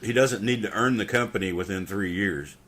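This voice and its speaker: A man's voice: on the low side, a little fast, fairly bright tone. A middle-aged man ranting bitterly and profanely in a casual podcast conversation. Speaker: podcast co-host. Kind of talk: casual political rant.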